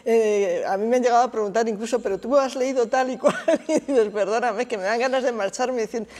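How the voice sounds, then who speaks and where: A woman's voice: on the high side, brisk, a little mellow. A woman hosting a public interview, building long, thoughtful questions, on a stage microphone in a lecture hall. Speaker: host, interviewer. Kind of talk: conversational interview at a public talk.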